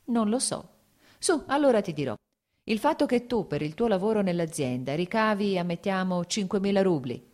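A woman's voice: medium pitch, a little mellow, voice pushed up, close to an everyday voice. A woman voicing an earnest, brooding male landowner who argues his point in an audiobook reading. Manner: earnest, argumentative.

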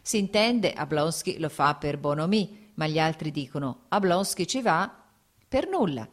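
A woman voicing an eager young gentleman who agrees and objects emphatically in an audiobook reading. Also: sits low, expressive, unhurried.

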